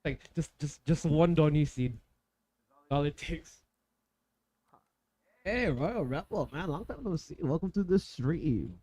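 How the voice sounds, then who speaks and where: A man's voice: fairly high pitch, animated, unhurried, long pauses, mellow. Rambling man hosting a podcast. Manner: rambling, full of restarts. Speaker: podcast host. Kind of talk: casual chat.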